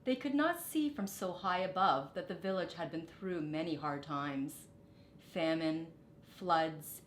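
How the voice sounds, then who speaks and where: Reading a storybook to listeners like a teacher would, a middle-aged woman speaks deliberately and expressively, offering short asides to explain things. Her recording echoes in the room over a faint rumbling background.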